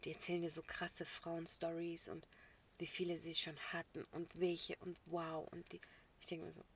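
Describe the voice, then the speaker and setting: Young woman, casual co-host chat, animated, slangy, quick to laugh. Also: on the low side, a little hiss or hum.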